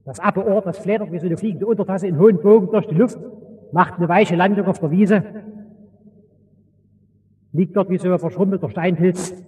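A man preaching a sermon, retelling a Bible story in a vivid, colloquial way and swinging between loud and hushed. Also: sits high, fairly quick, pauses often. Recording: long reverb of a large hall.

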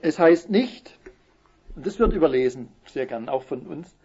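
Guy teaching the bible, warm dark tone, kinda muffled old recording. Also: a little high, animated, husky. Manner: explains Bible verses, reading quotes slowly with emphasis. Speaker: preacher.

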